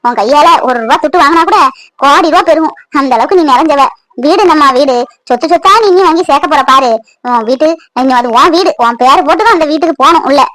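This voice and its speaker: A woman's voice: high-pitched, fast talker, a bit bright, no echo. A woman voicing an elderly, tender mother-in-law in a cartoon, consoling and blessing her daughter-in-law. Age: older. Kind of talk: Tamil cartoon voice acting.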